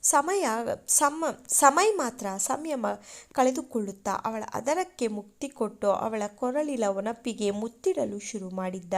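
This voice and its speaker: A woman narrating a romance story in a slow, expressive reading voice. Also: a little high.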